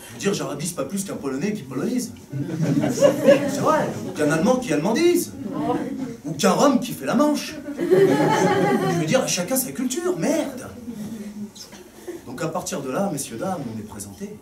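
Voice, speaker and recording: A man from Grenoble performing a stand-up comedy set with quick, mocking, self-deprecating banter on a stage with a live audience. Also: high-pitched, huge pitch swings. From France, Grenoble. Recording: echoey hall from far off, loud crowd laughter and noise.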